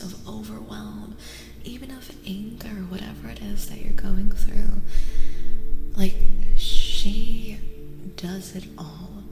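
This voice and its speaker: With music playing and a reverberant echo in the recording, an ASMR streamer reads tarot in a medium-pitched voice that moves from breathy whispers to soft speech. Her tone stays soothing and gently reassuring as she slowly repeats phrases.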